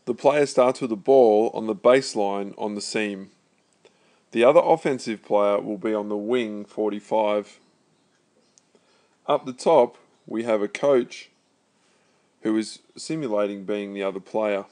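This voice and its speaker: A man speaking as a sports coach, giving a measured, step-by-step instructional explanation of a drill in short phrases. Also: lowish voice, a little mellow. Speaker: basketball coach.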